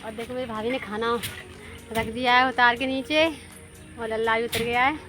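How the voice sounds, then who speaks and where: A woman's voice: on the high side, fairly even intonation, moderate pace, music in the background. A woman chatting casually and laughing often as she films a vlog outdoors in the fields. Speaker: vlogger.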